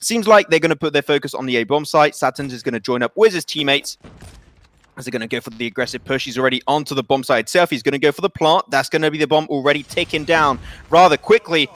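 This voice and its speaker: A man casting a live mobile shooter match, excitable and rising to shouts on big plays. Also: a little high, quick pace. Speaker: esports caster. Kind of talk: live game commentary.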